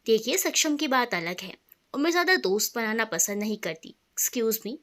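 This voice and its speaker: A woman's voice: on the high side, big pitch swings, normal speed, a bit bright. A woman voicing a reserved, sad young wife who answers curtly and guardedly, in a storybook reading. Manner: curt, guarded.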